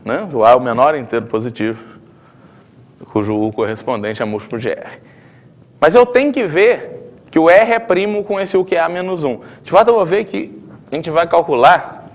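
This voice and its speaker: Working through a proof in a blackboard math lecture, a middle-aged professor with a Brazilian Portuguese accent speaks at a normal speed with lively intonation, his voice leaning high. He thinks out loud while explaining and keeps checking in with tag questions.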